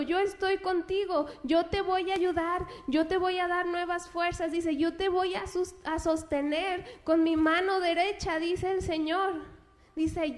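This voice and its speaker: Very high-voiced woman preaching earnestly. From Mexico. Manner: earnest, asks the listener direct questions; reads scripture slowly and deliberately. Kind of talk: sermon.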